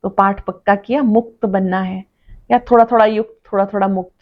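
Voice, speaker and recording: A woman reading a devotional sermon as a spiritual teacher, slowly, repeating key phrases for emphasis. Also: mid-range voice, fairly even intonation, muffled recording.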